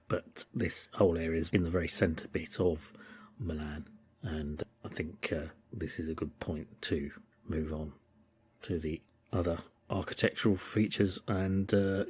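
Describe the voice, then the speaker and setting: Very deep, husky Englishman musing aloud. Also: a little mellow. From England. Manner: thoughtful, rambling, with frequent hesitations. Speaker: podcast host. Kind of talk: casual podcast commentary.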